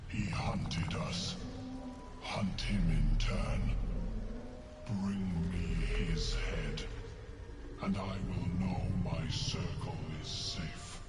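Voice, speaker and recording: A man's voice: sits low, fairly even intonation. An actor playing an ancient male mushroom sovereign in a game, speaking in a grave, ceremonial way. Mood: commanding. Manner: slow, grave, ceremonial speech. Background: loud game music.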